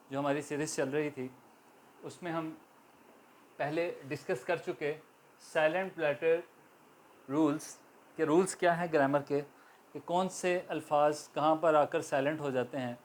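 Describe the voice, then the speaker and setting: A man's voice: fairly high pitch, a little hiss or hum. A man with a Pakistani accent, an Urdu speaker, giving an English lesson in a classroom-style lecture and spelling words out letter by letter. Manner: slow, deliberate, spells out letters one by one. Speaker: English teacher.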